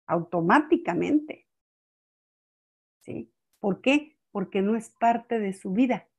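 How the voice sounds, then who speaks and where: Older woman, family-class teacher; slow, deliberate delivery with repeats and frequent check-ins. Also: medium pitch, animated, slightly rough. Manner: unhurried, repeats words, checks in with "¿sí?". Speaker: family-school speaker. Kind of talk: teaching talk with personal stories.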